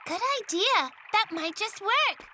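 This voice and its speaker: A woman's voice: very high-pitched, lively intonation, unhurried, noisy background. A woman voicing an agreeable, matter-of-fact young schoolchild in an overacted anime dub.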